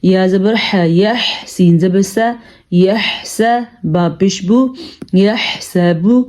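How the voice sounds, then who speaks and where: Woman teaching Quran reading, mellow voice. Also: medium pitch. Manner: explains briskly, then reads syllables slowly and deliberately; calm instructive tone, addresses listeners as "janab". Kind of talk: tajweed lesson, spelling out syllables.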